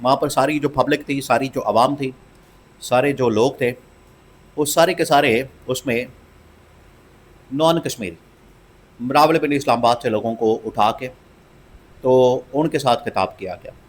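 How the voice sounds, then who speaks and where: Man, political commentary, emphatic, scornful, repetitive, middle pitch. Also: a little slow, pauses often, a little hiss or hum. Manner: emphatic, scornful, repeats phrases for stress.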